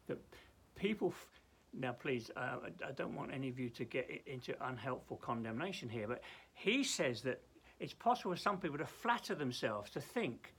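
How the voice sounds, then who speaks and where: A man preaching informally in a loft, teaching from the Bible in a halting, exclamatory way and repeating himself as he goes. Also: mid-range voice, fairly bright tone, slightly rough.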